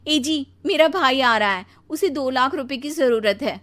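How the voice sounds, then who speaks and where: A woman's voice: high voice, lively intonation, a little slow, a bit bright, pitched above the performer's own voice. A woman voicing a demanding, insistent wife in a dramatised story, nagging and emphatic. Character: demanding, insistent young wife of a tired husband. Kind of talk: dramatised Hindi audio story.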